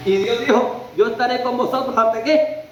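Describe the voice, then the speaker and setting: Male preacher, very high voice, emphatic sermon, rhetorical questions, booming echoey church hall. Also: moderate pace, a crowd in the background.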